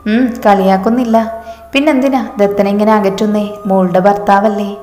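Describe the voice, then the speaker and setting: A woman voicing a gentle, homesick older mother who speaks softly and wistfully, reading a storybook. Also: mid-range voice, moderate pace, soft background music, natural voice. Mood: teasing. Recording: echoey room, long reverb.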